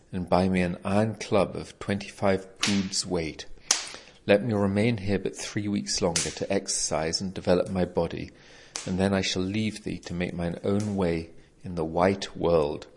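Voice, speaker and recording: A man's voice: deep voice, steady tone, measured pace, noisy background. A man voicing an earnest young hero of great strength who speaks in archaic, formal words.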